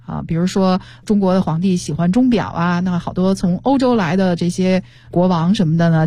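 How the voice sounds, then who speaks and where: Husky-voiced woman teaching English vocabulary. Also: lowish voice, dark tone, no room sound. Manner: explanatory, mixes English examples. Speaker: guest teacher. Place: radio studio. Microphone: studio microphone.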